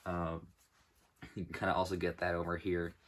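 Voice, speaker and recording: Showing off his model airport, a young hobbyist narrates casually in a deep, low voice that's monotone yet fairly bright. He wanders from point to point, saying "uh" a lot and frequently correcting himself, and his throat is dry and sore.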